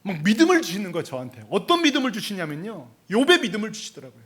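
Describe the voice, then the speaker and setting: Male pastor, sermon; high voice, wide-swinging delivery, confessional and fervent. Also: very animated, very fast, fairly bright tone. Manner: storytelling, confessional, rising to fervent emphasis.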